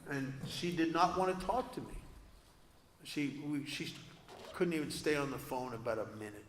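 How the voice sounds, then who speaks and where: A man's voice: fairly high pitch, normal speed, a little hiss or hum. A man giving a personal recovery talk to an audience, earnest and confessional with self-deprecating humor. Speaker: speaker at a recovery convention. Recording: echoey hall with long reverb.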